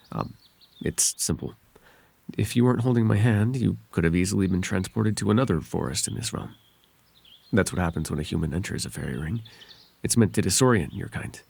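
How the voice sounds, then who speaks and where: In an ASMR roleplay, a male voice actor plays a gentle, devoted, bashful winged fairy, speaking tenderly and hesitantly in formal, old-fashioned phrasing. His voice is fairly low and gravelly.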